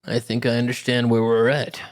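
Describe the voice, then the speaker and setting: A man's voice: medium pitch, monotone, fairly quick. A man playing a tabletop game, asking the game master questions. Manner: curious, asks many questions. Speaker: player. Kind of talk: casual tabletop play.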